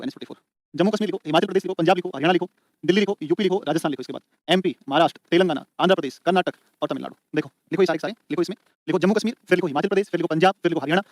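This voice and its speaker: Fast-talking male teacher. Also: fairly high pitch, dry recording, studio quality. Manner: repetitive, drills points for students to write down; colloquial, addresses students as beta and bhai. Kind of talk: exam-prep lecture.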